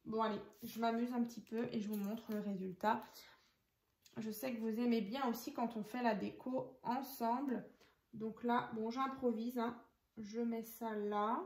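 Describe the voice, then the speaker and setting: A woman's voice: fairly high pitch, fairly even intonation, a little slow, darkish tone. A woman hosting a casual craft tutorial, chatting and thinking aloud as she works and counts out pieces. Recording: echoey room.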